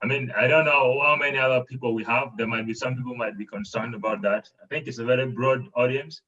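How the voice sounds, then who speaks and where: A man talking as a guest on an online meeting, friendly and agreeable, sometimes trailing off softly. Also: mid-range voice, steady tone, fast. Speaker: guest speaker. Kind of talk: casual video-call chat. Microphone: video call. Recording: dull lo-fi call audio.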